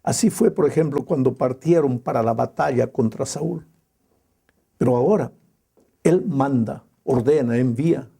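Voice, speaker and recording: A male pastor preaching a sermon in a slow, emphatic way with dramatic pauses. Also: mid-range voice, vocal fry, mellow, husky.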